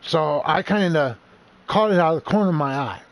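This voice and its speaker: A young man recounts a story in a loose, rambling monologue. His voice sits a little high for a man, and he slips into the voices of the people in his tale as he goes. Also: expressive, a little fast. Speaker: channel host telling a personal story.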